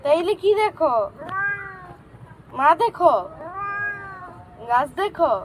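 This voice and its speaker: A woman talking baby talk to her pet cat at home, asking gentle sing-song questions. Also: very high voice, animated, slow, noisy background. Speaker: cat owner. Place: home with cats.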